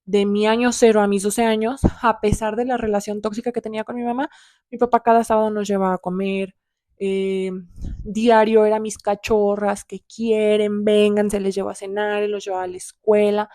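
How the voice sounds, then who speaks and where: A woman's voice: mid-range voice, little pitch movement, moderate pace, mellow, no echo, studio quality. A young woman with a Mexican accent tells a personal story to her viewers, heartfelt and calling out to them as friends. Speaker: vlogger.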